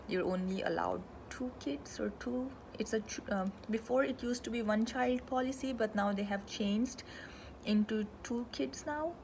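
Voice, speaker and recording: A woman's voice: fairly high pitch, gravelly, a little hiss or hum, rough recording. A woman, born in Pakistan and raised in Canada, explaining human rights in an informal talk, going through them one at a time. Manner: conversational, walks through items one by one.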